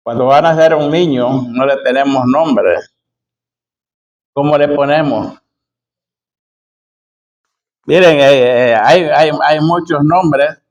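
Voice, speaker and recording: Slow, emphatic preacher man. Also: a little high, rough recording. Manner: emphatic, repeats key phrases slowly; addresses listeners as brother and sister. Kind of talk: sermon.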